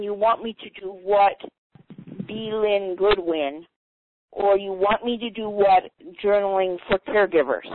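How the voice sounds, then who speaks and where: Woman author, chatty and unhurried, thinking aloud; tinny phone line with a steady hiss behind her. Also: mid-range voice. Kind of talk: casual talk on a phone call. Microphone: telephone.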